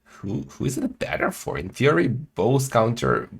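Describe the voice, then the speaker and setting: Male co-host, heavy vocal fry, lively joking delivery. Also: mid-range voice, unhurried. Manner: lively, joking, laughs often. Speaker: tournament co-host and caster. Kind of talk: casual game commentary.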